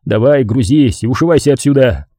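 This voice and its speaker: A man voicing a gruff middle-aged male partisan commander who grumbles and gives orders in an audiobook. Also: medium pitch, animated, a little fast, warm tone, no room sound, clean studio sound, natural voice. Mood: gruff commanding.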